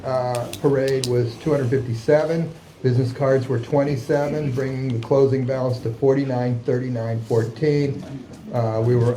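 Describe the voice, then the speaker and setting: Mellow-voiced man reading minutes, noisy recording. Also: medium pitch. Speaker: vice secretary. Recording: meeting room with clear background noise.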